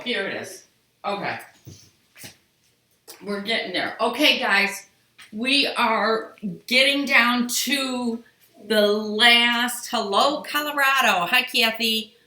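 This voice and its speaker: Woman, middle-aged, quilting live-stream host, tired, slow unhurried talk, chatty with viewers, webcam at a sewing table, roomy echo. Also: fairly high pitch, bright, forceful tone. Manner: chatty, greets and answers viewers by name. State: tired, yawning. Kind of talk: live-stream casual chat. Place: home sewing room. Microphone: computer webcam on sewing table. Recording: roomy home-room echo.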